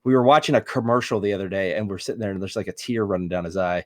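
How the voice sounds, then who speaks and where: A man's voice: low voice, racing. Easygoing man telling family stories. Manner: easygoing dad-talk storyteller. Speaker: podcast co-host. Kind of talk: casual chat.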